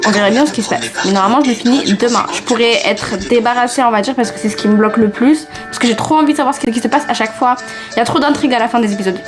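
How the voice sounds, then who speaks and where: Young french girl vlogging at home, kinda high voice, teasing and self-mocking, music going behind her. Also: very fast. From France. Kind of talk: casual vlog chat to camera. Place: home, indoors. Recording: music playing clearly behind.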